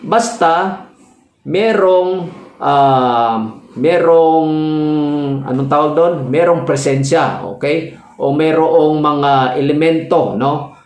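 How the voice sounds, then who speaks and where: A man's voice: a little high, darkish tone. Hesitant man teaching, in an echoey room. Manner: explains slowly with frequent "no?" checks and hesitations. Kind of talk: classroom-style legal lecture.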